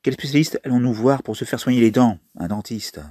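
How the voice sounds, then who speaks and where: A man's voice: medium pitch, fairly even intonation, brisk, dark tone, dry recording, clean studio sound. A man giving casual commentary on a mobile trivia game, thinking aloud as he plays. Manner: chatty, thinks aloud while playing. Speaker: mobile game video maker.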